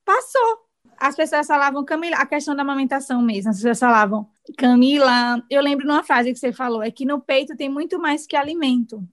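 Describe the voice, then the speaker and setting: A woman in her thirties, a new mother, giving an earnest personal testimony in an interview, telling her story with lively quoted dialogue. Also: sits high, quick pace. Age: 30s.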